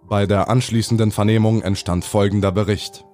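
A man's voice: fairly low pitch, little pitch movement, fairly quick, a little mellow, soft background music. A man narrating a scripted horror audio drama in a formal, report-like way.

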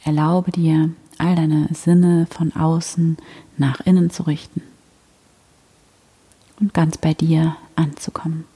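Slow, breathy woman guiding a soothing meditation. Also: deep voice, flat delivery. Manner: gentle, hushed, breathy, with long pauses. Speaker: guided meditation leader. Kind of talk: slow soothing guided meditation, like a sleep story narrator. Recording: long hall-like reverb.

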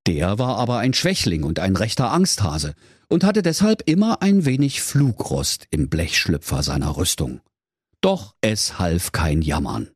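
A man's voice: low-pitched, sing-song, unhurried, breathy edge, dry recording. Man reading a silly kids fairy tale, bouncy voice, dry close sound. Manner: playful, storyteller's lilt. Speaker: narrator.

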